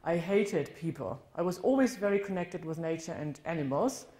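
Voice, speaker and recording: This guest speaker, a woman from northern Germany, talks with a German accent in a voice on the low side, dark in tone, lively in intonation and moderate in pace. Standing in a church hall that sounds roomy, she tells her life story as a testimony, candidly and reflectively, sometimes correcting herself.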